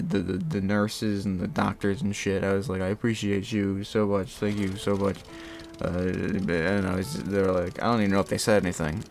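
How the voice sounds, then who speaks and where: A man chatting casually and telling a personal story in a rambling, animated way, often interrupting himself and re-enacting bits of dialogue. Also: fairly low pitch. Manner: often laughs while talking. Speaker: storyteller recounting own experience.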